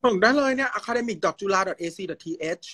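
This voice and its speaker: Slow, husky young man from Thailand. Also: high voice, pushed and bright, dry recording. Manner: playful, drawn-out food demonstration with a running commentary. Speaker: livestream host. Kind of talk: casual livestream chat. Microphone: phone.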